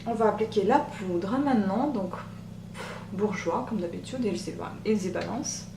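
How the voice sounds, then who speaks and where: Woman, soft voice, casual tutorial chat, hesitant; distant mic, roomy, loud hum behind. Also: medium pitch, gravelly. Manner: chatty, hesitant with many pauses. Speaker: beauty vlogger. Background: machine hum.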